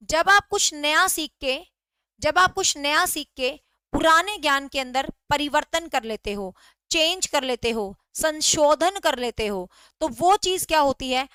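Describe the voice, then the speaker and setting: A woman teacher with a high, bright, forceful voice gives an online class lecture on a dry recording. She keeps quizzing, asking questions and answering them herself, and mixes English words into her teaching.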